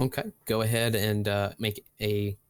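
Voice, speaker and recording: A man with a fairly low voice acts as game master for a tabletop role-playing game. He narrates casually and haltingly, and the recording is dry and close. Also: level tone, clear, resonant tone, no echo.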